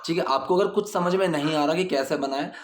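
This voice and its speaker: A man teaching English grammar, reading example sentences slowly and explaining them patiently. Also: a little high, roomy sound, noisy background. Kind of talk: explaining grammar in a video lesson. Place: indoors at night, dogs barking outside.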